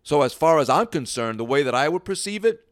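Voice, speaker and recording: A man's voice: a little high, big pitch swings, fairly quick, no echo, studio quality. A man who trains dogs, giving an informal teaching talk and explaining through stories, with frequent restarts. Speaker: dog trainer.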